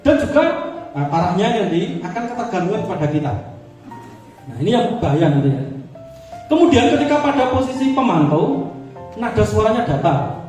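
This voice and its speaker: A man's voice: sits high, very animated, brisk, pauses often, darkish tone. A man giving a chatty presentation to fellow teachers, full of fillers and acted-out classroom examples. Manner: chatty, frequent fillers, acts out teacher voices. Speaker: teacher leading a training session. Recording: echoey room, mic far off, faint music.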